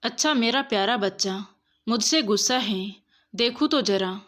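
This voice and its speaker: A woman voicing an affectionate, gently firm father in a storybook reading. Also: on the high side, normal speed, close to an everyday voice. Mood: coaxing. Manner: affectionate, coaxing. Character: loving father, gently firm with his son.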